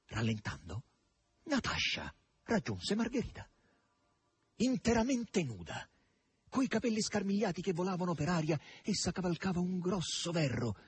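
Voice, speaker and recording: A man narrating a novel with dramatic flair, his voice very husky and rough. His pitch rises and falls with lively movement from phrase to phrase. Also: dry recording. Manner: dramatic, lilting reading. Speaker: audiobook reader. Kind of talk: expressive literary narration.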